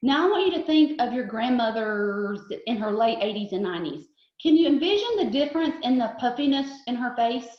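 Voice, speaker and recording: A woman's voice: on the high side, very animated, a little fast. A woman in her forties, a chatty beauty consultant giving an upbeat product demonstration and asking viewers to repeat after her. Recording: echoey room, slightly dull sound.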